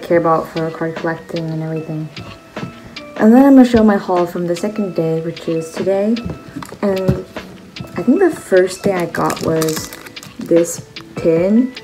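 Teen girl showing off her haul, kinda low voice, music playing under it, filmed on a phone in her room. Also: normal speed, rough recording. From China. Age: teens. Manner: chatty, many likes and fillers. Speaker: vlogger. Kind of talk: casual merch haul chat. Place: bedroom at a table indoors. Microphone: phone camera at close range. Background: background music.

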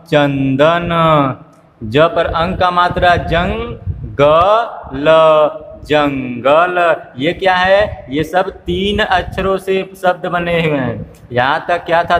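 A man with a higher, fairly bright voice gives small children a phonics lesson, spelling words out slowly one syllable at a time. He draws each sound out and keeps asking what it makes. A long reverb trails his voice, and a faint room hum sits underneath.

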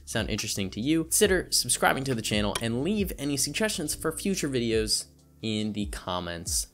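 A man's voice: medium pitch, very animated, brisk, a bit bright, a little hiss or hum. A young man talking casually to camera in a vlog, chatty and rambling with lots of fillers, about his own experience. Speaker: YouTuber. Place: home setup. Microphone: studio microphone.

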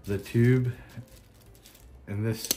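A man with a Southern accent, hosting a casual unboxing chat in an unhurried, halting way with many ums and restarts. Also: mid-range voice, fairly even intonation, noisy background. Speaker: cigar channel host.

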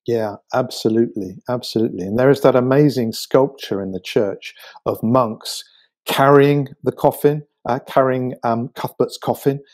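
An English man, a guest author, describing places in a lively, animated storytelling manner during a casual conversation. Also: mid-range voice, normal speed. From England.

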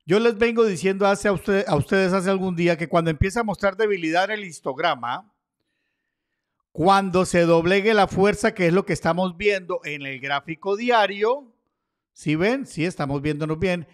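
A man with a notably high-pitched voice walks viewers through price charts in a chatty, informal way. He tosses in playful asides as he goes, keeping the commentary loose and conversational. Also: normal speed. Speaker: crypto chart analyst. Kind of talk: casual market commentary over charts.

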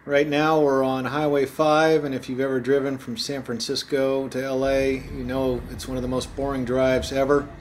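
A man narrating his own road trip as a travel voice-over, in a relaxed, chatty tour-guide manner. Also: mid-range voice, moderate pace, few pauses, a little hiss or hum.

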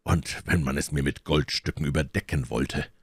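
A cool-headed musketeer speaks in a quiet, level, almost indifferent tone, as a male reader puts him on. The voice sits very low and deep, recorded dry and close. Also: moderate pace, breathy edge, dry recording. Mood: calm, indifferent. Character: calm, cool-headed musketeer, grown man.

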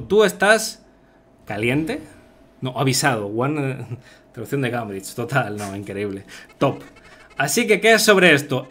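A man's voice: a little high, fairly bright tone. A man streaming a game live, translating its text on the fly in a loose, rambling way full of fillers. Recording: music playing behind.

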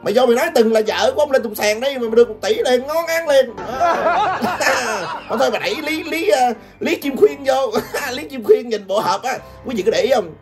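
A woman's voice: fairly high pitch, brisk, hardly any pauses. An older woman giving taunting gossip commentary, laughing often and constantly addressing her viewers. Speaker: gossip vlogger. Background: background music.

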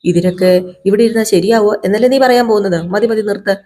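A woman's voice: medium pitch, fast talker, mellow, close to an everyday voice. Woman putting on a young husband, grumbling, proud, dismissive. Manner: complaining, dismissive.

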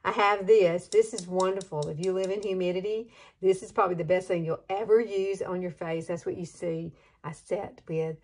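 Here a woman in her fifties from Alabama chats her way through a hair tutorial, her Southern accent drawling between laughs. Her voice sits on the low side, a little mellow, with fairly even intonation at normal speed, and as a beauty vlogger she sounds gushing and folksy.

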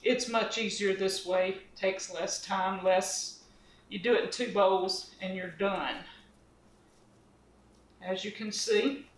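Mixing dough by hand in her own kitchen, this middle-aged cooking channel host gives a casual, chatty, homespun demonstration of a recipe. She speaks slowly in a medium pitch with long pauses, recorded by a camera across the counter in a roomy space with a distant mic.

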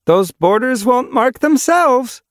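A man voicing a brisk teasing she-cat. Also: very high voice, expressive, no echo, studio quality, pitched above the performer's own voice, full character voice.

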